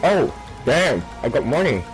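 A man's voice: mid-range voice, very animated, measured pace, soft background music, rough recording. A man with a Dutch accent in casual gaming voice chat, often stammering and repeating words over a headset.

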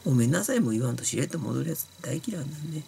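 Tipsy Kansai man, blunt and scolding, lively pitch, rambling vlog talk. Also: rapid-fire, creaky, slight background noise. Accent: Kansai Japanese. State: tipsy and sleepy from drinking. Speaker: YouTuber talking to viewers. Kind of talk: casual monologue to camera.

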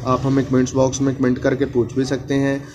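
A phone repair tutorial host speaks fast in a flat, medium-pitched voice, narrating a hands-on repair step by step. He uses repetitive instructional phrasing and treats viewers as friends, all in a noisy home recording.

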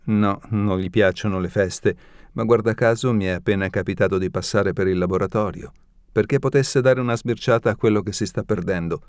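A man voicing a playful, knowing young woman of the court in an audiobook, speaking in a soft, sly tone. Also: on the low side, brisk, clear, resonant tone, no echo, clean studio sound, lightly acted. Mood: teasing.

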